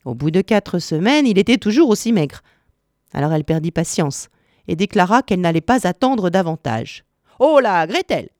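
A woman's voice: on the low side, no echo, studio quality. Woman reading a fairy tale aloud. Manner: slow, expressive. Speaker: storyteller.

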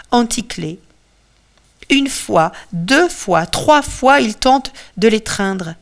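A woman reading a mythological tale aloud as storyteller, with expressive, dramatic delivery. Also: medium pitch. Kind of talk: scripted storybook narration.

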